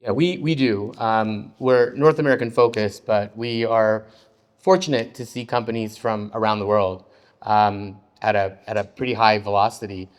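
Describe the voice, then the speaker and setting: A Canadian man, a venture investor, answers questions on a panel in a relaxed way, often saying "um." His voice sits fairly low and he speaks at a normal speed.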